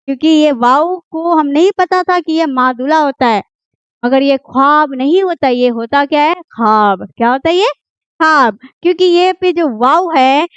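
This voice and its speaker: A woman teacher with a high voice works through a grammar lesson and keeps putting questions to her class before she answers them herself. The recording sounds close and dry, with a slightly dull, muffled tone. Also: no room sound. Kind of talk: grammar lesson explained at a board.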